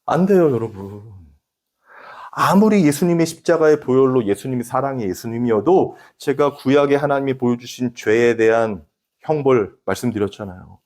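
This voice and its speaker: A man, a pastor in his forties, preaching a sermon, asking the congregation questions and swinging from emphatic peaks to hushed asides. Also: mid-range voice, normal speed. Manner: addresses congregation directly with questions.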